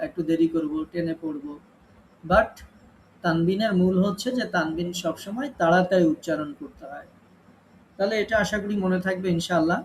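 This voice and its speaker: A man's voice: high voice, slight background noise, low-quality recording. A man teaching an online Quran recitation class, patiently repeating each rule so it sticks. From Bangladesh. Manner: patient, repeats key rules.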